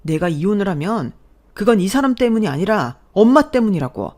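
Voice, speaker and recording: A woman's voice: on the low side, very animated, unhurried, a little mellow. A worn-out husband, played by a woman in a radio drama, stuck between his wife and his mother. He sounds exasperated and pleading, with a voice that rises and falls widely. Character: married man, weary husband caught between wife and mother. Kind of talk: Korean radio drama acting.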